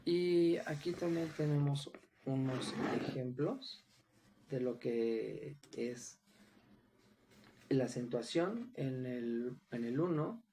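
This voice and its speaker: A man's voice: medium pitch, takes it slowly, warm tone, slight background noise. Hesitant man giving a class presentation. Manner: hesitant, with fillers and restarts. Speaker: student presenter.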